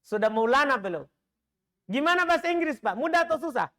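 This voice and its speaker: A male Islamic teacher giving a study lecture in a mosque. He talks in a lively, teasing way, often throwing rhetorical questions at the audience and then answering them himself. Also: very high-pitched, a little fast. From Indonesia.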